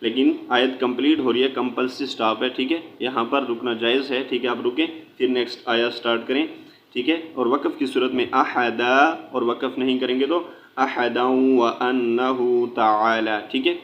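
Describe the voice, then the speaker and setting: A man teaching Quran recitation, spelling out each syllable slowly and then explaining in quick asides, often checking with "theek hai". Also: medium pitch, steady tone, lo-fi sound, a little hiss or hum. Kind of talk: slow spelled-out recitation lesson.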